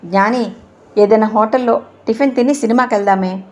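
A woman's voice: a little high, fairly even intonation, moderate pace, natural voice. A woman doing a teasing older brother. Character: playful teasing young man, older brother.

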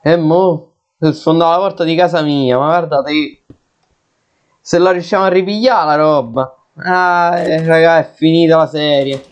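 A man's voice: a little high, a little slow. A young man giving let's play commentary, jittery and often exclaiming and swearing in fright. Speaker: gaming video creator. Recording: dull lo-fi sound.

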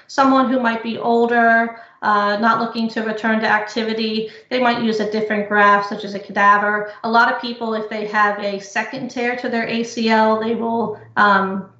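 A woman's voice: a little high, pushed and bright, muffled recording. Woman presenting over an echoey video call. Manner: explanatory, measured, frequent uh fillers. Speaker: physical therapy researcher presenting. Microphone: computer mic on video call.

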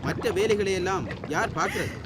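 A man's voice: sits high, moderate pace, very noisy, close to an everyday voice. A man acting an authoritative, reassuring employer in an old-fashioned radio drama, earnest and declamatory. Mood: consoling, firm. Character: authoritative, reassuring boss, benefactor of workers' families.

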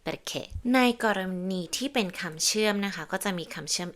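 A woman's voice: lowish voice, expressive, moderate pace, fairly bright tone. A woman, teaching Italian grammar in an online lesson and patiently explaining and repeating her examples.

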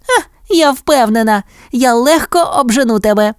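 A high, shrill little girl dalmatian puppy, as a woman storyteller puts her on, eager and boastful. She shouts her lines with lively, bouncing pitch in a dry, close storybook recording. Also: normal speed, smooth, dry recording, natural voice. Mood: excited. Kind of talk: storybook reading.

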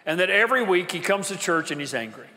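A man preaching a sermon as pastor, with an emphatic, repetitive cadence that builds to shouting. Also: high-pitched, sing-song, fast talker. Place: church sanctuary. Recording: reverberant church hall.

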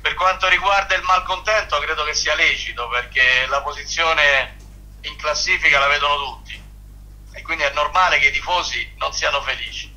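A man talking over a speakerphone from his car as a club president, formal and measured as he calls in to a press conference. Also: fairly high pitch, pushed and bright, poor audio. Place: in a moving car.

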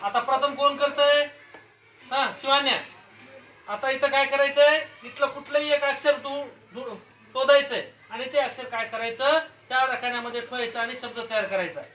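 A woman's voice: sits high, moderate pace, fairly bright tone. A woman teaching young children in a school classroom, patiently prompting them with repeated questions. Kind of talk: classroom word-game lesson. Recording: noisy classroom recorded from a distance.

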